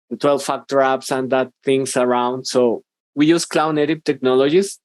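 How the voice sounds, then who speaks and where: A man's voice: medium pitch, no room sound. Guatemalan-accented man giving a conference talk. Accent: Guatemalan Spanish. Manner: informal, hesitant, many fillers and restarts. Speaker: university professor and conference speaker. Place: small room indoors, video call. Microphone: headset.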